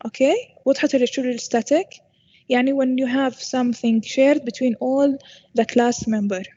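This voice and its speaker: A woman's voice: high-pitched, fairly even intonation, brisk, mellow, slightly rough, lo-fi sound. A woman with an Arabic accent, a native Arabic speaker, explaining as a teacher to a class, switching between English and Arabic and often checking understanding. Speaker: university programming lecturer.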